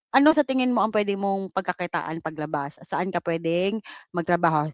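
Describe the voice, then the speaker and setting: A woman from the Philippines giving a live online review lecture, mixing English terms into her talk and tossing in teasing jokes and quick "just kidding" asides. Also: medium pitch, no echo, muffled recording. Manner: playful, cracks teasing jokes and "charot" asides; mixes English terms into Tagalog. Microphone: computer mic on a livestream.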